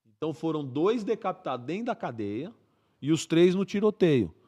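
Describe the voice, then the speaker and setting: A man's voice: on the high side, sing-song, moderate pace, dark tone. A middle-aged man tells a story in a casual interview. He is a vivid storyteller who mimics gunshots and acts out the voices of the people in it. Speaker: police colonel guest.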